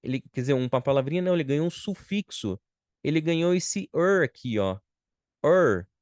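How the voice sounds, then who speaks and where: A Brazilian man teaching English grammar online, patient and deliberate, stretching out example phrases and checking in with the class. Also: on the high side, lively intonation, a little mellow, dry recording, clean studio sound. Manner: patient, drawn-out model phrases with frequent "ó" and "tá?" check-ins; slow and deliberate.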